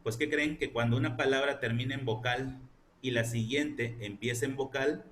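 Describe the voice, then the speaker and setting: Guy teaching a lit class, mid pitch, asks lots of questions, bit of background hiss. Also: steady tone, normal speed, fairly bright tone. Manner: explanatory, asks rhetorical questions. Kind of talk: online class lecture.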